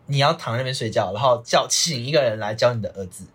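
A man's voice: medium pitch, fast talker, a bit bright, slightly rough. A young man with a Taiwanese Mandarin accent, a podcast guest telling rambling anecdotes in casual chat.

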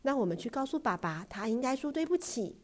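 A woman voicing a gentle, patient mother who coaxes softly and sometimes hushes to a whisper. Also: high-pitched, big pitch swings, fairly quick, pitched above the performer's own voice. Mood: coaxing. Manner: soft, coaxing, hushed at times.

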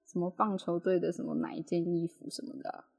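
A woman with a Taiwanese Mandarin accent, co-hosting a podcast and telling childhood stories in an animated way, laughing often. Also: on the low side, quick pace, vocal fry, husky. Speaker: podcast co-host. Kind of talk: casual chat.

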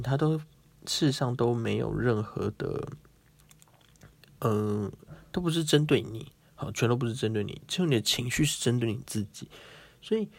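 A man's voice: medium pitch, gravelly, dry recording. A man hosting a casual, playful explainer talk, chatting and acting out quotes. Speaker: host.

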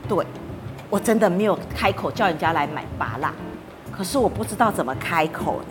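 A woman's voice: fairly low pitch, expressive, a little fast, music in the background, voice pushed down, close to an everyday voice. A woman voicing a shy young boy, talking in a timid, whiny way. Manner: timid, whiny, later bold hawking.

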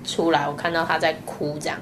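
The background is noisy as a woman guest with a Taiwanese Mandarin accent rattles off candid personal anecdotes. Her voice is low and fast, and she laughs frequently while animatedly imitating the voices in her stories.

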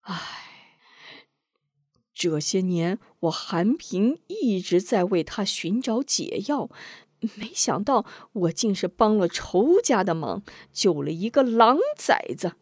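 A man's voice: a little high, animated, measured pace, dry recording, clean studio sound. A woman reading a story, voicing a stern, righteous innkeeper man who sneers coldly and barks orders. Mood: heavy regretful. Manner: cold sneering, then barking commands.

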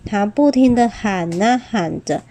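A woman reading a picture book aloud, gentle and exclaiming, pausing to chat with her listener. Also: medium pitch, expressive, a little hiss or hum. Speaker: storyteller.

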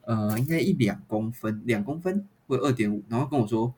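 A man, hosting a podcast and retelling a story in a casual, animated and exasperated way. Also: medium pitch, brisk, slight background noise. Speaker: podcast host.

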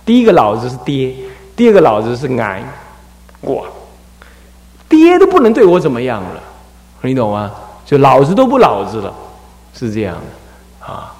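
Animated male abbot giving a dharma talk. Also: mid-range voice, moderate pace, pauses often, long reverb tail. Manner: animated storytelling, repeats words while finding them. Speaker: Buddhist abbot and dharma teacher.

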